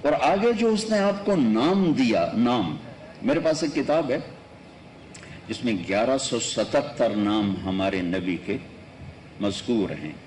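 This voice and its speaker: A man preaching with a lilt, his voice at an ordinary middle pitch. He tells stories dramatically and leaps sharply upward on the words he wants to stress. A faint murmur of the surrounding space sits behind him. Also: very animated, darkish tone, slight background noise, rough recording. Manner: impassioned storytelling, pitch leaps on emphasis; addresses audience fondly as children. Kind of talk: sermon.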